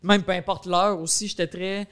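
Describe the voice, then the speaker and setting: A woman's voice: fairly low pitch, fairly even intonation, moderate pace, clear, resonant tone. Rambling rural Quebec woman comedian. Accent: Quebec French, rural. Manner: chatty, rambling, full of fillers. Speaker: comedian guest. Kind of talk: casual chat.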